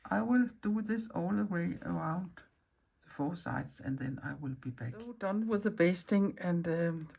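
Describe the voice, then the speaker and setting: A Danish woman, hoarse from losing her voice, chatting through a hands-on stitching tutorial, thinking aloud and correcting herself mid-sentence. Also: lowish voice, a little mellow. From Denmark. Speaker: embroidery teacher.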